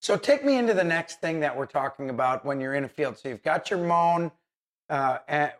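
A man's voice: fairly high pitch, lively intonation, normal speed. A man hosting a casual how-to interview in an encouraging manner. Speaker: host.

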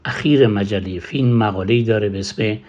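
A man hosting a cinema program, presenting scripted introductions in a formal, measured way. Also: lowish voice, a little mellow, muffled recording. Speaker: radio host.

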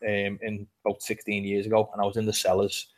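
A man's voice: lowish voice, monotone, fast talker. A man with a Liverpool accent, co-hosting a casual podcast chat and telling stories in a chatty way. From England. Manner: chatty storyteller, swears now and then. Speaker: podcast co-host.

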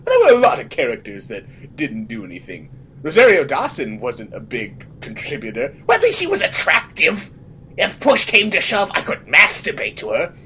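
Male comedy podcast host, forceful bright tone, animated delivery, TV banter, slight background rumble. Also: normal speed. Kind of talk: scripted comic banter about TV.

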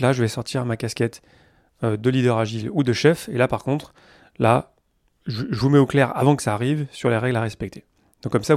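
A man talks through a solo podcast episode in an earnest, emphatic way, piling up lists of verbs. His voice sits at a middle pitch. The recording is close and dry, with no room sound. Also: a little mellow, no echo. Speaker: podcast host. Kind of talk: solo explanatory podcast monologue.

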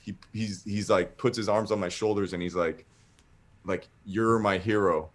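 A man's voice: on the low side, moderate pace. A man casually telling a long story, rambling and swearing, acting out what people said. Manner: rambling, profane, animated retelling with acted-out quotes.

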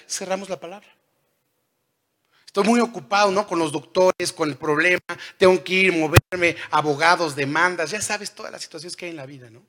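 Bright, high-pitched man preaching. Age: 30s. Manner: dramatic swings between loud calls and hushed lines; asks the congregation questions. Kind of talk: sermon.

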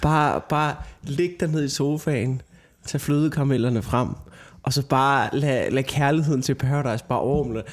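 A man co-hosting a casual podcast chat, rambling through stories with constant tag questions and frequent laughter. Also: mid-range voice. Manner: rambling storyteller, lots of "ikke?" tags; laughs often, gets loud and excited. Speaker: podcast co-host.

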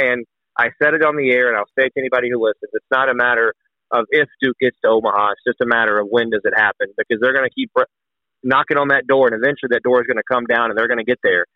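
A man's voice: mid-range voice, no echo. A young man, a college baseball announcer, talking earnestly and emotionally as a podcast guest. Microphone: phone call. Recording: tinny phone line.

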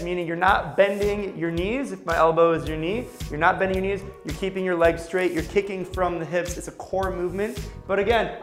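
A man's voice: high-pitched, roomy sound. A man giving an instructional video lesson as a swim coach, emphatic and instructive, repeating his key points.

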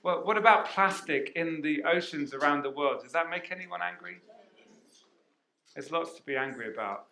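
A man preaching a sermon as pastor, energetic and questioning the congregation, on a headset mic in a church hall. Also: on the high side, normal speed, creaky, slight background noise.

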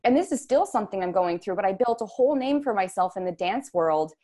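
A young woman speaking as a podcast guest in a voice of ordinary pitch. She is earnest and candid. She searches for her words and often starts her sentences over. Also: lively intonation, fast talker, dark tone. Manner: earnest, searching speech with many restarts. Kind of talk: candid interview conversation.

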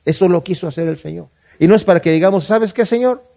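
A man's voice: a little high, fairly even intonation, racing, creaky, warm tone. A middle-aged man from Mexico with a Mexican Spanish accent, teaching a Bible study in a conversational way, often repeating words and asking "¿verdad?".

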